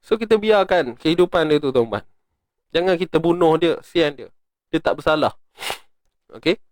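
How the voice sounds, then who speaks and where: A middle-aged man with a Malaysian Malay accent, teaching Quran recitation in a casual, joking online lesson and drilling sounds slowly. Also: fairly high pitch, lively intonation, dry recording.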